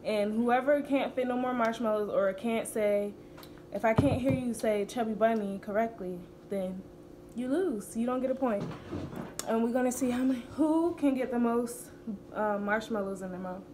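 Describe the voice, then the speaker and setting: A woman's voice: fairly high pitch, normal speed. A young woman hosting her own video channel in casual, playful chat. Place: home kitchen, indoors. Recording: clear room noise.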